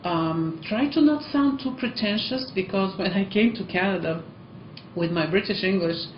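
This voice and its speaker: In a mid-range voice at normal speed, a language school teacher from Eastern Europe talks casually and encouragingly to learners in a vlog, her Eastern European accent clear and her speech dotted with ums and uhs. Echo, muffling and a little hiss or hum color the recording.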